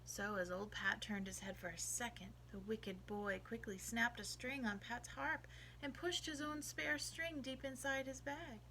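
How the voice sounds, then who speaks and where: A woman teacher reads a storybook aloud to young children. Her voice is bright and expressive, and she stops to ask them questions. A faint hum sits in the background. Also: on the high side, unhurried, poor audio. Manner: expressive, asks the listeners questions.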